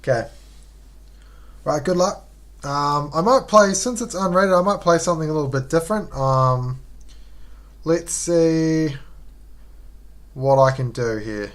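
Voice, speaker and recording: A man's voice: a little high, measured pace, pauses often. A man with a New Zealand accent giving casual, slangy commentary on a live game as he chats to viewers. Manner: laid-back, slangy, chatting to viewers. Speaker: chess streamer.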